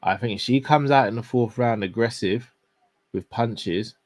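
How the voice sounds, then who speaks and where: A man's voice: mid-range voice, unhurried, a little mellow, no room sound. A man co-hosting a live fight watchalong, analysing the action and calling out tactical advice to the fighters. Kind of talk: casual live fight commentary.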